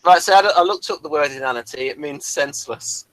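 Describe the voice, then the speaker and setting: On a roughly recorded commentary track, a male host reviews a TV episode, casually filling in background as he talks. He speaks fairly quickly, in a slightly high, fairly bright voice.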